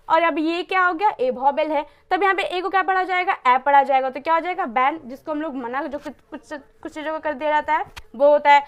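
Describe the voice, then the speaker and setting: A woman with a high, slightly bright voice teaches English pronunciation in a classroom-style lesson on pronunciation rules. She poses questions to herself and answers them, spelling words out letter by letter.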